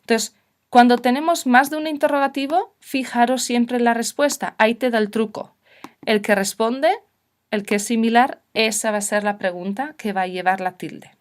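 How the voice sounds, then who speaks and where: A woman's voice: on the high side, fairly even intonation, normal speed. A woman teaching a recorded grammar lesson, explaining patiently and giving example sentences. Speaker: Spanish teacher.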